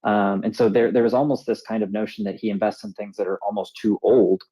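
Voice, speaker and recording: A man's voice: lowish voice, little pitch movement, fast, warm tone, breathy edge. A man co-hosting a talk show, explaining things casually as an author. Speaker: co-host and author.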